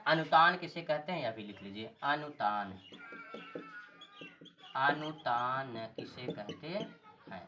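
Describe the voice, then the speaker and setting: A woman with a notably low voice teaches a grammar lesson in a classroom style. She repeats each term several times, poses questions to her students and then answers them herself. A faint hum of noise sits behind her. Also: fairly bright tone.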